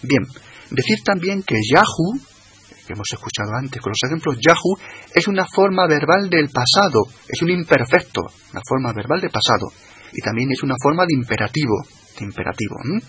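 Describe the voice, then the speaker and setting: A man, a guest on a radio talk show, explaining slowly and carefully, repeating and spelling out words. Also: a little high, expressive, a bit bright, husky. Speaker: guest expert on religion.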